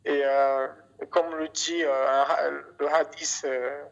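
A man's voice: fairly high pitch, little pitch movement, takes it slowly. A man from Afghanistan heard over a Skype call, giving hesitant testimony as an interview guest and often tacking on "en fait". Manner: hesitant, keeps adding "en fait". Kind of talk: testimony in a broadcast report. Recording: muffled internet call audio.

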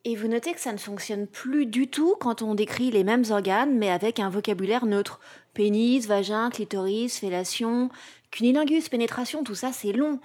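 A woman's voice: a little high, moderate pace, darkish tone. A woman from France hosting a podcast, reading a scripted, playful commentary in punchy rhythmic lists. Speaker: podcast host. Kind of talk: scripted comic narration.

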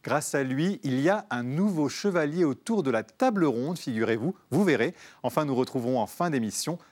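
A man's voice: on the high side, expressive, a little fast, darkish tone. A man hosting a panel show, introducing guests with playful, teasing banter. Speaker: TV and radio host.

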